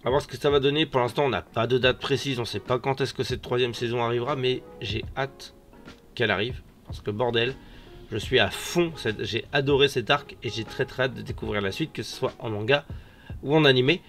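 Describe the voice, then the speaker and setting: A man with a mid-pitched voice hosts a casual news rundown over background music. He has a noticeable lisp with slushy s sounds, as his sore, swollen mouth makes articulation effortful. His delivery is informal, slangy and full of personal opinion. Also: a little fast, fairly bright tone. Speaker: host of a manga and anime news show. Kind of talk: casual news commentary to online viewers. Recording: music behind the voice.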